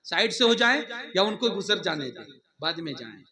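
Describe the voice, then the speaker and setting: A man from India giving a lively sermon to students, mixing laughing asides with raised, emphatic lines. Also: high-pitched. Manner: animated preaching with laughing asides, raising his voice for emphasis. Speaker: religious teacher.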